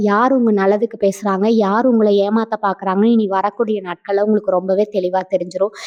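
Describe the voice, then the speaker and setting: A woman's voice: medium pitch, lo-fi sound. A woman presenting astrology forecasts, giving earnest and direct advice to her listeners in a scripted style.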